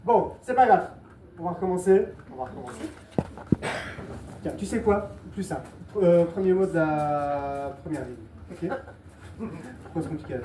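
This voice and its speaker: A woman stage mentalist guides audience volunteers through a mind-reading trick at a live show, playfully and patiently repeating her instructions at a normal speed. Her middling-pitched voice sounds distant, in an echoey room with steady live-venue noise beneath.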